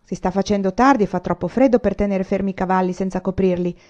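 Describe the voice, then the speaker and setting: A woman's voice: mid-range voice, fast talker, a little mellow, close to an everyday voice. A woman voicing a courteous young pioneer man, speaking politely and formally, in a dull lo-fi recording.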